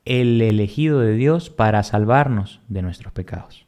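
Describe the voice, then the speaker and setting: A man teaching a Bible lesson, asking questions and answering them himself, repeating points with emphasis and reading verses slowly. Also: on the low side, lively intonation, a little mellow.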